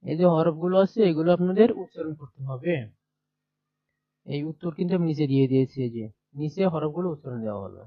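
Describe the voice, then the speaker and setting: Guy with high voice doing a screen-share lesson, repeats sounds, dry kinda dull mic. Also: quick pace, dry recording. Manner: steady explanatory, repeats sounds aloud. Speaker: teacher.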